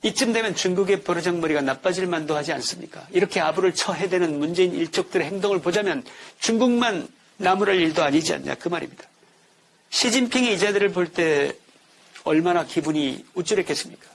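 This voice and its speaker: Indignant Korean commentator, higher-pitched man. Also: a little fast, vocal fry, a little hiss or hum. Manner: indignant, full of rhetorical questions. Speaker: political commentator. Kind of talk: scripted political commentary.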